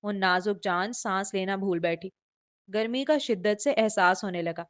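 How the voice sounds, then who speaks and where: A woman's voice: mid-range voice, moderate pace, a bit bright. A woman narrating a romance novel in a flowing, descriptive storytelling manner. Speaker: audiobook narrator.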